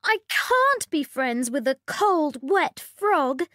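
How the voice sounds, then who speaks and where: A woman voicing a spoiled young princess from a storybook, with a high, petulant, demanding voice, read slowly. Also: very animated, a bit bright, no room sound, studio quality, full character voice.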